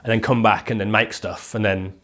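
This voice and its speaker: Nasal from a head cold, this English podcast guest, a leather maker in his thirties, rambles casually through his story, leaning heavily on "like". His fairly low voice stays steady in tone, fairly quick and a bit bright.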